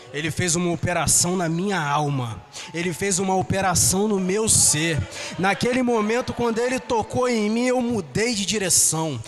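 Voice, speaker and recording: A Brazilian man preaching a sermon in church, giving his testimony with passion and rising to shouts. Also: fairly high pitch. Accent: Brazilian Portuguese.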